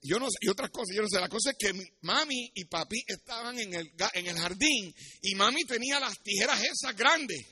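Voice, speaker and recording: A middle-aged man preaching a sermon in church, telling stories and rising into loud, emphatic passages. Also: sits high, lively intonation, fairly quick, hardly any pauses, slightly rough. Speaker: pastor.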